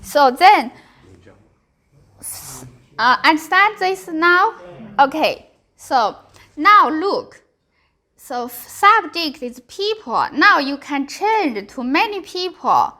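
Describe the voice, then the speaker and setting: Bright, high-pitched woman teaching Chinese, Chinese accent. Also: very animated, takes it slowly, long pauses. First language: Mandarin Chinese. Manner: simple clipped English, short phrases with frequent check questions. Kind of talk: live beginner language lesson, explaining with examples.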